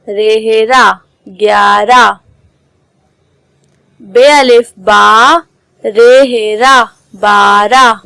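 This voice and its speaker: A woman school teacher giving an online class, spelling out words slowly letter by letter. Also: on the high side, gravelly, pushed and bright, smooth, dry recording, low-quality recording. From Pakistan. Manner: slow, careful letter-by-letter dictation.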